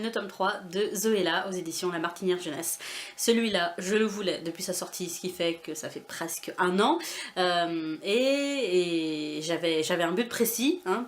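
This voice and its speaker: A woman's voice: fairly low pitch, slight background noise. Chatty French woman vlogging a book haul. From France. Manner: chatty, with many fillers and restarts; self-mocking, laughs often. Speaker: booktuber showing a book haul. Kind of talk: casual vlog chat.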